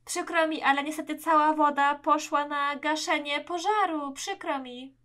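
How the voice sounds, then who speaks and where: A woman voicing a hesitant, apologetic male toy camp worker. Her voice is high and bright. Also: steady tone, moderate pace.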